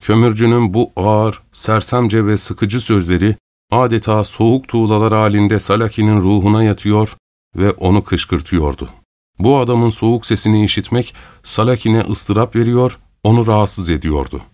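Low-voiced man narrating an audiobook. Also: dry recording, clean studio sound. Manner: steady, measured storytelling.

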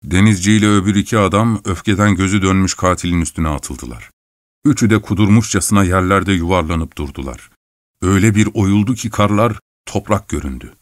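A man narrating an adventure story aloud in a dramatic, measured reading. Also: deep voice, no room sound, clean studio sound. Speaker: audiobook narrator.

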